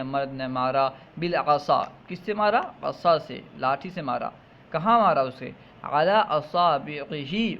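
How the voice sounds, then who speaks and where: Man slowly explaining a text line by line. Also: a little high. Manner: reads a phrase, then explains it slowly and repeats it. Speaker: teacher. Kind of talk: line-by-line Arabic text lesson with translation. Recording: muffled lo-fi with faint hiss.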